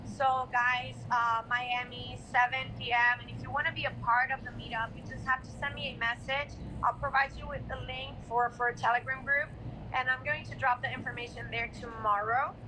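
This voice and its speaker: A higher-voiced woman from Brazil chats casually into her phone on a live stream, leaning on "guys" and "like" as she rambles through questions. Traffic and street noise can be heard clearly behind her, and a steady hiss runs under the voice. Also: moderate pace. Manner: filler-heavy, repeats "guys" and "like". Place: apartment in a hot humid city.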